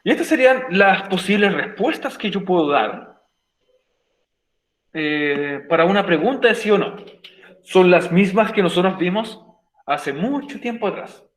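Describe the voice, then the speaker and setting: A man with a Chilean Spanish accent teaches an online English class over a computer mic. His voice sits a bit high for a man, he stresses and repeats each rule, and keeps checking in with his students. The sound is roomy and echoey. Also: lively intonation, unhurried. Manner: repeats points, emphatic, checks in with "ok?".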